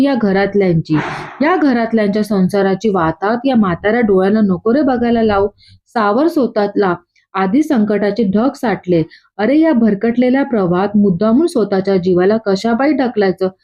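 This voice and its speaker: A woman's voice: mid-range voice, normal speed, natural voice. A woman reading as a weary old grandfather. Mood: weary pleading. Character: stern elderly grandfather scolding grandson. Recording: dull lo-fi.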